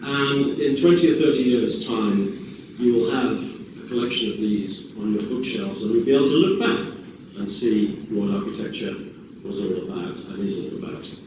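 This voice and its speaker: Man introducing a lecture in a booming hall. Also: moderate pace, background noise. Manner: rambling, warm-humoured storyteller. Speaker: host introducing the speaker. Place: university lecture theatre. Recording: echoey lecture theatre, distant mic.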